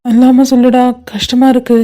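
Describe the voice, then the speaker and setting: A woman's voice: high-pitched, level tone, moderate pace, mellow, lightly acted. A woman voicing a loyal young man in a cartoon, consoling his best friend and scolding him with affection. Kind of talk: cartoon voice acting.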